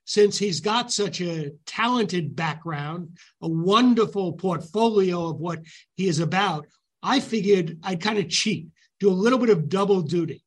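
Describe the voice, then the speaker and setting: A man's voice: sits high, measured pace, slightly rough. A man hosting a conversational interview in an enthusiastic, chatty way. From the Bronx, New York. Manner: enthusiastic, chatty, circling phrases. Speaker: radio show host.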